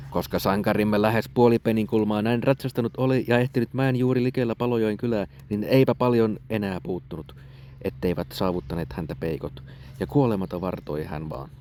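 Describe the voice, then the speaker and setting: A man from Finland reading an old fairy tale aloud for children in a measured, old-fashioned storybook manner. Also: low voice, darkish tone, a little hiss or hum.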